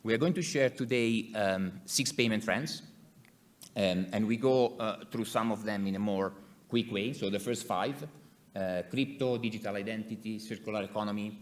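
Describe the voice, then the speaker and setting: A man with a lowish voice and an Italian accent gives a conference presentation in English as an executive. He speaks haltingly and repeats words.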